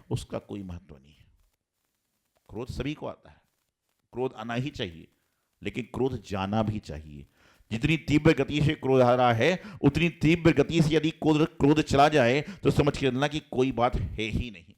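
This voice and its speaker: Man preaching a sermon, fairly high voice, storytelling, repeats phrases for emphasis. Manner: storytelling, acts out quoted lines with rising pitch and force. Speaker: Jain monk preaching.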